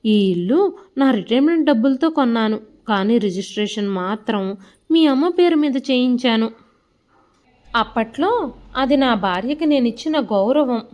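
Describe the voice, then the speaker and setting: Woman doing a dignified old father, steady and firm, higher-pitched storybook read. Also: highs cut off, close to an everyday voice. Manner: calm, measured, grave.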